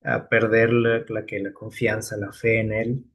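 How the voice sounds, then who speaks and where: A man's voice: on the low side, little pitch movement, measured pace, fairly bright tone, slightly rough. A man preaching a casual, conversational sermon, full of fillers and tag questions to his listeners.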